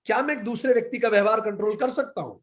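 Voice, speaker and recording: Speaking fast in a high register, a man lectures on spirituality as a yoga philosophy teacher. His Hindi is laced with English words, and he keeps asking rhetorical questions only to answer them himself.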